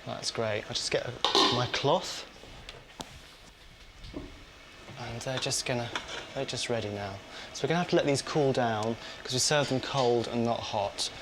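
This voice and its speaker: A man's voice: mid-range voice, measured pace, very noisy. A man hosting a cooking show, chatting casually as he prepares food in his kitchen. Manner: chatty, talks while cooking and tasting. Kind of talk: cooking demonstration.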